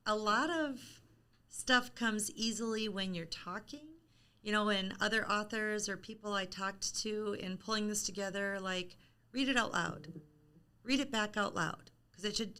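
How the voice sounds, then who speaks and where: A woman's voice: mid-range voice, bright, forceful tone, clear, resonant tone. A middle-aged woman talking about her work as an author in a casual live-stream interview, frank and chatty, with self-deprecating humor.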